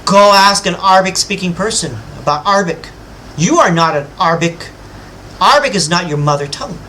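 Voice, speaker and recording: In a brisk, expressive, high voice that's bright and forceful, a man hammers out a rebuttal against a scholar over slight background noise. English is his first language, and as a self-styled religious teacher he lectures his opponent directly and boasts of his learning in this combative monologue.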